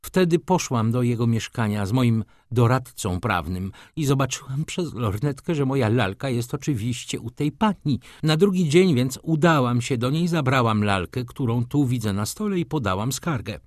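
A man voicing a spiteful, vindictive older baroness who talks in a shrill, accusing, theatrical way. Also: animated, normal speed, few pauses, darkish tone, no echo, studio quality, close to an everyday voice. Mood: complaining. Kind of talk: audiobook character voice.

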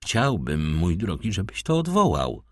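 A man's voice: low voice, huge pitch swings, unhurried, dry recording, heavily acted. Male narrator playing a heated young nobleman, insistent, audiobook, dry close sound. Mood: earnest. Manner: stiff, demanding, heated. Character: young indignant male count, proud and insistent. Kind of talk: audiobook character voice.

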